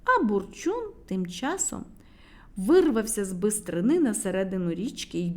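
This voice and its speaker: A woman storyteller reading a children's tale aloud in a lively, dramatic way. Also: medium pitch, moderate pace.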